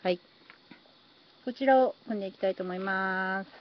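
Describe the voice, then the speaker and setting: A woman with a mid-range voice speaks at a moderate pace while building on a phone live stream, chatting casually and thanking viewers for their comments. The recording has a slightly dull phone-stream sound and faint noise.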